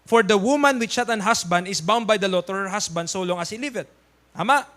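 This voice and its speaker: Bright, high-voiced Filipino preacher. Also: male voice, brisk. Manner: emphatic preaching, shifts from loud exclamations to soft asides, calls for amens. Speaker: pastor. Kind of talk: sermon. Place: church.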